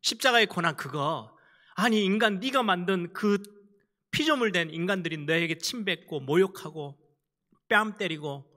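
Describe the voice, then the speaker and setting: A man preaching in a church sanctuary, his voice bright and forceful, a little high for a man. He tells the story with emphasis and acts out its people. A long reverb hangs after each phrase. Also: moderate pace. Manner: emphatic, animated storytelling with dramatized quotes. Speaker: pastor. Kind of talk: sermon.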